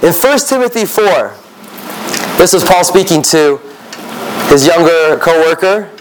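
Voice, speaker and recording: A man giving a sermon to young people, speaking slowly and emphatically, repeating key phrases. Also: on the high side, animated, slight background noise, rough recording. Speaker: conference speaker.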